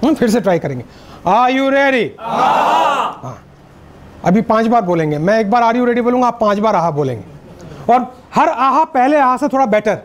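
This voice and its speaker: A middle-aged Indian man with an Indian accent, giving a lively public speaking workshop to a live audience, mixing Hindi and English and joking with the crowd. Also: very high-pitched, fairly quick. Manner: energetic, directs the audience, jokes. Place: seminar room with live audience.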